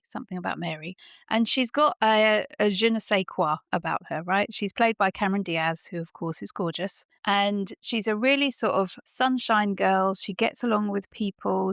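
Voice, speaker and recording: A woman's voice: medium pitch, gravelly, fairly bright tone, no echo, studio quality. A woman hosting a podcast and giving an emphatic motivational monologue full of rhetorical questions. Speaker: podcast host.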